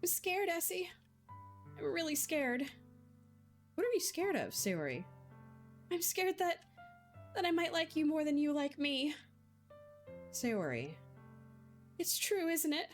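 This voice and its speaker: A woman voicing a cheerful yet heartbroken teenage girl, speaking high and tearfully while reading a visual novel aloud. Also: sing-song, slow, long pauses, soft background music, heavily acted. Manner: high, wavering, tearful pleading.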